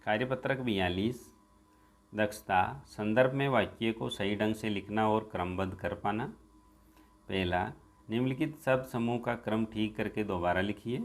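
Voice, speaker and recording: A fairly low-pitched male teacher walks through a school workbook lesson. He reads each exercise aloud, then gives the answer, slowing down and stressing the jumbled sentences.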